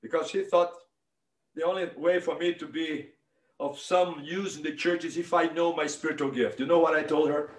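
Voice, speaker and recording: Brief: Brazilian-accented man, Portuguese native speaker, pastor delivering a sermon, high voice, emphatic, roomy church sound. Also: steady tone, normal speed. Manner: emphatic, building to impassioned shouts, direct address to listeners.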